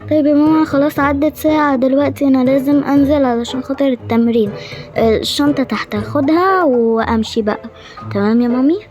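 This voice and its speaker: A woman's voice: high voice, fast, darkish tone, soft background music, lightly acted. A woman with an Egyptian accent voicing a grumpy, demanding twelve-year-old boy in a homemade family role-play drama. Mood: eager. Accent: Egyptian Arabic. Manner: whiny and demanding.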